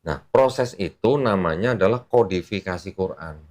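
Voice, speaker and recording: Low-voiced male teacher type; patient, casual, explains with homely examples. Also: animated, moderate pace, a little mellow. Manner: patient, uses everyday examples, laughs often. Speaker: Islamic teacher explaining to a guest.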